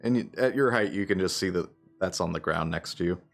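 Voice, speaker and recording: A man's voice: deep voice, fairly quick, gravelly, faint music behind. A man running a tabletop game as game master, narrating with hesitant fillers and frequent laughs.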